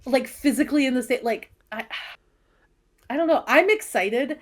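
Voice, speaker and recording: A woman with a high-sitting voice and a Maine accent speaks at a moderate pace. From Maine and a teacher, she co-hosts a casual chat podcast, chatty and frequently talking over her co-host.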